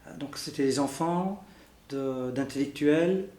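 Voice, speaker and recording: In an echoey room, a Belgian man whose first language is Arabic gives reflective personal testimony as an interviewee. His medium-pitched voice is warm, and he speaks thoughtfully, listing things and pausing often with "euh."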